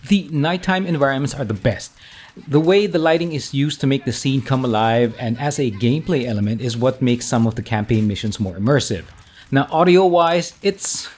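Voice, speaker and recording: Conversational male game reviewer, medium pitch. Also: darkish tone. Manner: conversational, self-correcting. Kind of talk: casual video game review voice-over.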